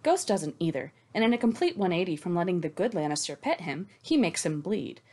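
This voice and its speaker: This podcast co-host recaps and discusses books in a sarcastic, scripted-sounding way, casual and sweary with emphatic delivery. Her voice is fairly low, a little mellow and slightly rough, and she speaks briskly and very animatedly.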